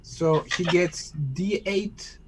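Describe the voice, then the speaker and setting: A man playing a tabletop game, joking and making quick asides. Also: sits high, fairly even intonation, a little hiss or hum. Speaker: player. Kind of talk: casual tabletop play.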